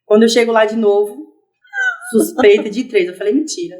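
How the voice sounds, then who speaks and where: A young adult woman, a podcast guest, telling her personal story in a casual, lively interview. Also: fairly high pitch, normal speed.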